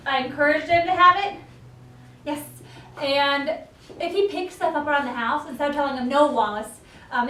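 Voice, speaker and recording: A woman's voice: high voice, sharp tone, distant mic, a little hiss or hum. A woman training a young puppy, giving short cheerful commands and praise, then explaining each step. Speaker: dog trainer. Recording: roomy sound, away from the mic.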